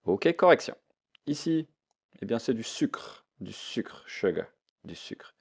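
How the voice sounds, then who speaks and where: A man's voice: mid-range voice, very animated, unhurried, husky. A man teaching a French vocabulary lesson, repeating each word and mixing in English explanations.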